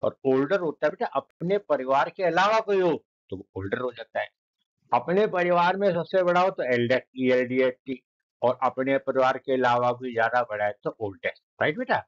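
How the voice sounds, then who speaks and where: A man teaching a grammar lesson, who keeps calling his students "beta" and repeats and spells out each word slowly. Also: mid-range voice, lively intonation, highs cut off.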